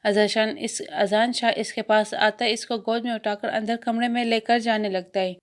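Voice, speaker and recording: A woman with a Pakistani Urdu accent narrates a romance novel in a somewhat high voice. She reads both the narration and the lines of the characters, now and then stumbling on a word and starting it again. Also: little pitch movement. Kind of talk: storybook narration with voiced dialogue.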